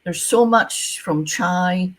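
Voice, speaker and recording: Over a video call, a retired Scottish woman who once worked as a visa officer gives emphatic advice in an interview, repeating the key points. She has a Scottish accent, and her voice sits on the low side and moves at a slow pace.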